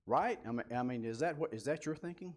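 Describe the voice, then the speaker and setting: A man with a drawl teaches a Bible class in a church building, talking informally and asking the room questions. His voice sits at an average pitch but swings up and down a lot as he works through the passage. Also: lively intonation, fast talker.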